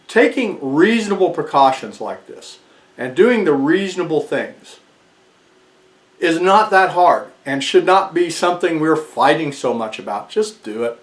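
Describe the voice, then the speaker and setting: An American man in his sixties giving a casual explanatory talk to camera. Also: a little high. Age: 60s. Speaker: video presenter. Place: small furnished room indoors, seated in armchair. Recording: echoey small room.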